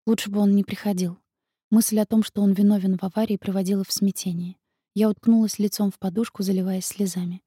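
A woman narrating a first-person audiobook in an expressive, emotional way. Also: mid-range voice, fast, husky, no echo, clean studio sound.

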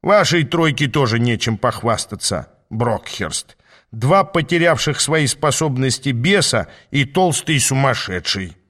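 A man voicing a cocky, scheming male demon who talks smoothly and haughtily in an audiobook. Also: medium pitch, very animated, measured pace, a bit bright. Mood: haughty. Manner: glib, persuasive, haughty. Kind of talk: audiobook character reading.

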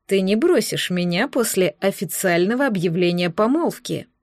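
A woman voicing a smug, cruel male sorcerer in an audiobook, speaking in a honeyed, sneering, deliberate way. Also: mid-range voice, lively intonation, darkish tone, no room sound, clean studio sound, voice pushed down, lightly acted. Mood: menacing. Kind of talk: audiobook character voice.

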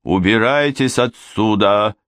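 A man's voice: fairly low pitch, slow pace, a bit bright, no echo, clean studio sound, pitched above the performer's own voice. A man voicing a formidable widowed mother who speaks in a commanding, thundering manner. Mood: imperious. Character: imperious, formidable middle-aged widow.

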